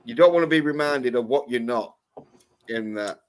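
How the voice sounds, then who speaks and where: A man's voice: medium pitch, moderate pace. A man in casual chat, rambling and swearing with heavy emphasis.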